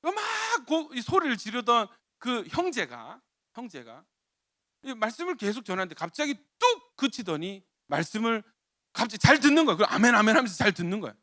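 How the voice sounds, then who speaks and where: Young adult man, pastor, sermon, exclamatory storytelling, lively pitch, dry sound. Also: normal speed, dry recording. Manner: animated storytelling, repeated exclamations.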